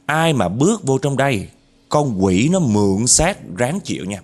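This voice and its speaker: A man's voice: mid-range voice, big pitch swings, normal speed, a little mellow, voice pushed up. Man playing a stern, unafraid exorcist. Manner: firm, threatening, unafraid. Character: calm, stern male exorcist master.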